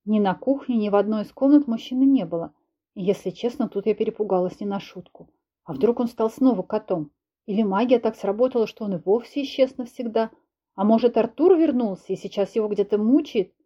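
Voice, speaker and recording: A woman narrating a first-person audiobook in a lively, expressive reading, in a dull lo-fi recording. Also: medium pitch, fairly quick, breathy edge. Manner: lively, expressive reading with raised shouted quotes.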